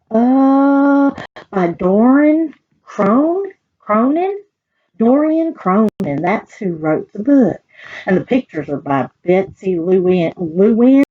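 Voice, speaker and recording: A library storyteller with a Southern US accent reads a children's picture book aloud in a medium-pitched, slightly rough voice, heard with phone-quality sound. She adds folksy asides and asks her young listeners questions.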